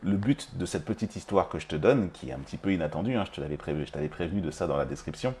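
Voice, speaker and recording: Low and dark in tone, this French-accented man talks in an animated, rapid-fire way. As host of a language-learning video teaching English, he addresses the camera casually, often restarting and leaning on fillers.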